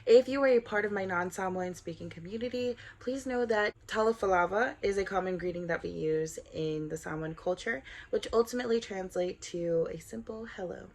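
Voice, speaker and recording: A woman's voice: medium pitch, brisk, few pauses. A woman in her twenties from Southern California, introducing herself in an earnest, upbeat scripted vlog. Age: 20s. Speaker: vlogger.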